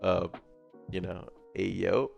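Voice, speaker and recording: A young adult gaming content creator from Memphis, Tennessee, with a Southern accent, casually tells his life story while drawing, rambling and adding little sound effects. His voice is low-pitched, slightly mellow, and has vocal fry, with fairly even intonation and a slow pace. Faint music plays behind him.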